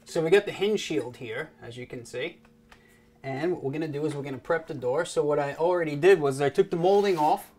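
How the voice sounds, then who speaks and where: A man's voice: fairly high pitch, fairly quick, darkish tone. A man working as a contractor gives an informal product demonstration, explaining each step in a plain-spoken, folksy way.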